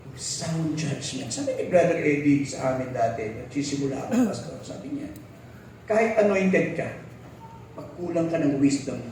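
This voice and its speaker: A man's voice: a little high, darkish tone, slight background noise. A Filipino man preaching a sermon as pastor, switching between Tagalog and English and acting out the people in his stories. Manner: mixes English into Tagalog, acts out quoted voices. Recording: very echoey hall, mic far off.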